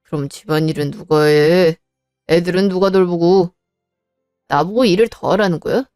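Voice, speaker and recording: A woman's voice: on the low side, warm tone, clean tone, dry recording, studio quality, natural voice. A woman voicing a cold, dismissive husband in a spoken story, curt and refusing.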